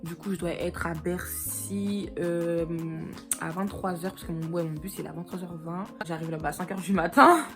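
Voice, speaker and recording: A woman's voice: lowish voice, normal speed, over music. A young woman chatting casually in a vlog, rambling with many fillers and restarts. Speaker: vlogger.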